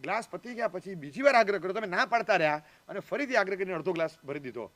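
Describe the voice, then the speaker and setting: A man's voice: high voice, lively intonation, rapid-fire, a bit bright. A man giving a sermon as a Jain monk, telling a story and acting out the dialogue, often asking the audience questions. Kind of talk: sermon with acted anecdotes.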